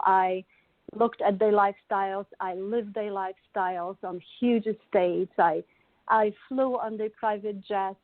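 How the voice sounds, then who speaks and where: Over dry, tinny call audio with no room sound, a middle-aged woman from Poland, a wellness coach, recounts her life story in an interview. Her mid-range, Polish-accented voice is warm, and she laughs frequently as she talks.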